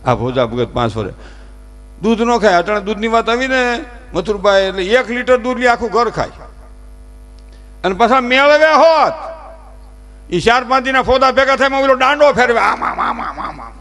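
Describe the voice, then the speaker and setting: A man telling humorous folk stories to a live audience, animated and preachy, acting out characters as he goes. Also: very high voice, moderate pace, pauses often. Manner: animated, acts out characters and preaches with raised emphasis. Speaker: folk storyteller at a dayro.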